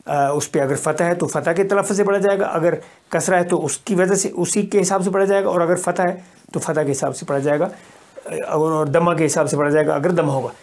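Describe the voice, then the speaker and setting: A man's voice: a little high, steady tone. A man from Kashmir teaching an Arabic lesson. He explains patiently, repeats points often, and draws out the example syllables. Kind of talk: recorded language lesson.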